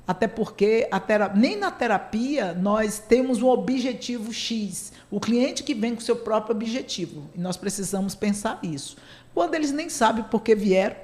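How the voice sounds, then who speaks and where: Chatty woman radio host. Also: medium pitch. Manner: chatty, laughs often, playful sarcasm. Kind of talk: casual radio talk.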